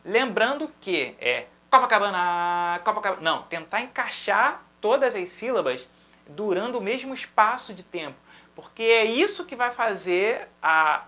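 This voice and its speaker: A Brazilian man teaching a drum lesson, patiently explaining and chanting syllables in a steady rhythm to demonstrate. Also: high voice. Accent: Brazilian Portuguese.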